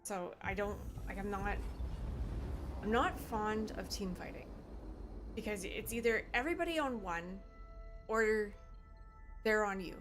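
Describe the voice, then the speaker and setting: A woman's voice: medium pitch, unhurried, pauses often, over music. Canadian woman streamer, laughing, casual. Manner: laughs often, casual and blunt. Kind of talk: casual gaming chat.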